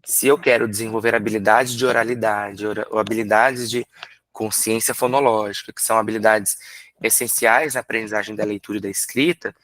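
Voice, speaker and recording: A man from Brazil, a literacy teacher, explaining in a workshop lecture, asking himself rhetorical questions and sounding out syllables slowly. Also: lowish voice, fairly even intonation, a bit bright.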